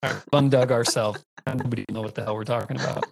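A woman hosts a relaxed interview and trades playful jabs with her guest. Her voice is exceptionally deep for a woman, with a husky, slightly rough texture. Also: fast. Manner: playful, teasing banter. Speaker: podcast host. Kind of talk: casual interview chat.

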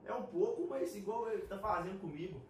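A man's voice: sits high, expressive, darkish tone, heavy reverb, distant mic, a little hiss or hum. A man with a Brazilian Portuguese accent, a guest in a casual interview, joking about himself and taking criticism lightly. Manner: fast, jokey, self-deprecating. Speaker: guest player.

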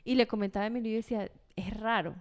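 Smooth-toned woman in lively chat. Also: mid-range voice, racing. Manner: expressive, imitates her toddler's voice. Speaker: podcast co-host. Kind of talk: casual chat about parenting.

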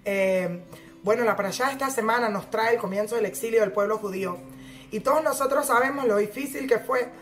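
Una mujer que da una clase religiosa semanal para mujeres, con tono serio y explicativo, y que enfatiza las citas que relata. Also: female voice, on the high side, fairly quick, soft background music. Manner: earnest, explanatory, leans into quoted lines. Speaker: Torah teacher for women. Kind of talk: weekly religious lesson.

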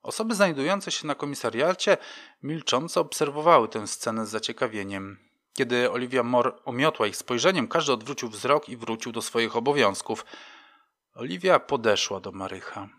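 Brief: male narrator, bright tone, mid pitch, measured storytelling. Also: animated. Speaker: audiobook narrator. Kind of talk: scripted fiction narration.

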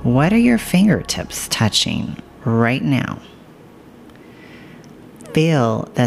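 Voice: medium pitch, slight background noise. A narrator leading a scripted guided meditation in a soothing, hypnotic, reassuring manner. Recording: music bed behind the voice. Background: music.

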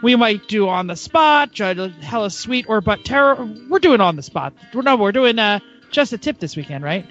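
A man's voice: high voice, expressive, normal speed, few pauses, a bit bright, highs cut off, soft background music. A man hosting a casual podcast, running through the show intro with stumbles and restarts. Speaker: podcast host.

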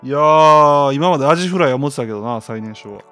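Fast-talking teasing Kansai man. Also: a little high, lively intonation, fairly bright tone, clean tone, soft background music. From Shiga, Japan. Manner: teasing, blunt banter. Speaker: podcast co-host. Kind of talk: casual chat.

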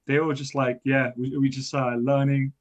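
A young adult engineering student whose first language is Persian chats casually on a podcast, rambling and self-deprecating with plenty of fillers. His mid-range voice has little pitch movement and a normal speed, and the recording sounds dull and lo-fi.

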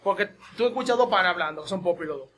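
A man with a Dominican accent, co-hosting a podcast in lively, jokey casual chat. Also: high voice. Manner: lively, jokey, quick to cut in. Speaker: podcast host.

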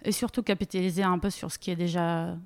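Speaking fast with a fairly low pitch, a steady tone, and a somewhat dark timbre, a woman guest chats in a relaxed interview. She is a data leader from Bulgaria, Bulgarian being her first language, and her talk is full of fillers and frequent laughter.

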